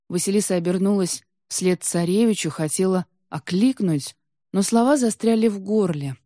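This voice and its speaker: Mellow low-voiced woman narrator. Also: no echo, clean studio sound. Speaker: audiobook narrator. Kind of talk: scripted narration.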